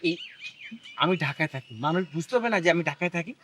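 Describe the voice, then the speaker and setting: An actor playing a boastful young husband who insists on showing off city speech in a comic regional drama. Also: male voice, on the high side, lively intonation, quick pace, fairly bright tone, a little hiss or hum. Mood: insistent.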